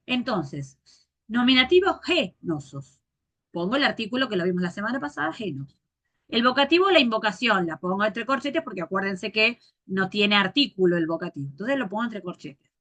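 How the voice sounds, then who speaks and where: A woman's voice: mid-range voice, expressive, fairly bright tone. Patient woman teaching grammar. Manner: patient, repeats forms slowly and spells endings. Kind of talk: grammar lecture.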